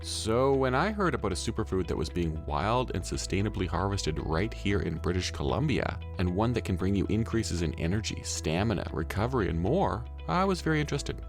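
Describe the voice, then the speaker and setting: A man's voice: sits low, big pitch swings, a little fast, few pauses, soft background music. A male podcast host giving an enthusiastic intro and interviewing guests. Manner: upbeat, enthusiastic delivery.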